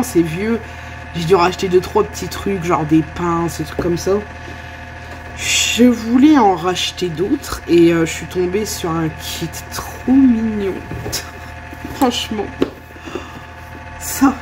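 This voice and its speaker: A woman vlogging at home in casual chat, chatty and gushing. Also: medium pitch. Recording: loud computer fan hum. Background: computer fan noise.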